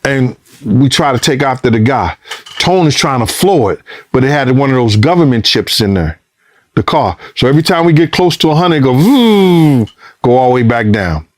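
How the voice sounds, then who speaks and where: A former bodyguard tells a story in a casual interview at a brisk pace, cursing freely and acting out what people said. In the tense, excited parts his voice climbs high and loud.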